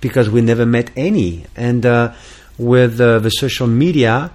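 A man's voice: mid-range voice, moderate pace, a little mellow. A man from France with a French accent, a musician guest in a casual interview, talking hesitantly with many fillers and restarts.

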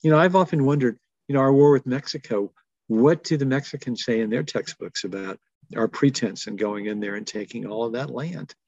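A man's voice: mid-range voice, brisk, vocal fry, darkish tone, dry recording, dull audio. A man in his seventies, talking thoughtfully and wryly in an interview, chuckling between stories. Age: 70s. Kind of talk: reflective conversational storytelling.

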